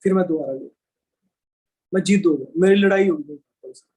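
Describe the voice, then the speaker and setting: A young man with a noticeably high voice speaks to a live audience at a business training session. He tells his story in a loose, colloquial way, full of back-and-forth retelling. He keeps checking in with his listeners through quick tag questions. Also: darkish tone, husky, rough recording.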